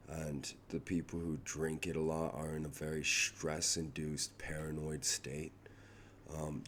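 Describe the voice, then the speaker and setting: Very deep-voiced man rambling in a vlog. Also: slight background noise. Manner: rambling, halting, many restarts and "like" fillers. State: losing his voice. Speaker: vlogger. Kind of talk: rambling personal vlog update.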